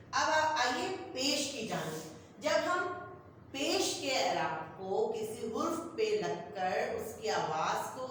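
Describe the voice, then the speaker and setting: A woman's voice: mid-range voice, a little hiss or hum. Woman teacher, patient and explanatory, recorded from a distance with heavy room echo. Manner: patient, repeats "okay child" as she explains. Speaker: school teacher. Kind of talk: classroom lesson explaining to children. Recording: echoey classroom from far off.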